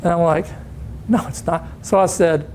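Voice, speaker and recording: A man's voice: a little high, steady tone, moderate pace, a little mellow, slight background noise. A man in his sixties giving a conference talk, telling anecdotes and acting out the voices of the people he quotes. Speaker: conference speaker. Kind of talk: storytelling talk. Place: conference hall.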